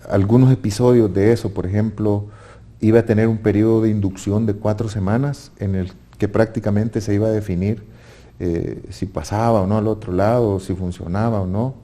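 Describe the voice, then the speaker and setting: A man's voice: on the low side, steady tone, normal speed, dark tone. A man with a Salvadoran accent giving a personal faith testimony, earnest and now and then restarting his words. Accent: Salvadoran Spanish. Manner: earnest storytelling with hesitant restarts.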